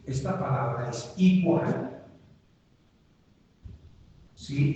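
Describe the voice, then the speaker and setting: Slow, emphatic pastor in an echoing hall. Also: male voice, on the high side, a little mellow, slight background noise. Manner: halting, emphatic, repeats himself while writing on a board. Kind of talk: Bible study teaching. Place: church hall. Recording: reverberant church hall.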